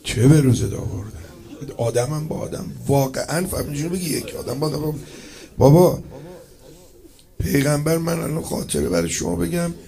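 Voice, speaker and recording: A man giving an emotional religious mourning sermon to poets and eulogists. He swings from low murmurs to loud, impassioned cries and stretches his phrases for emphasis. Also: expressive. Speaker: preacher addressing poets and eulogists.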